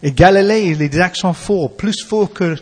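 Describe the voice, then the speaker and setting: A man with an English accent preaching a sermon in halting French, restarting his words often. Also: sits high, slightly rough, long reverb tail.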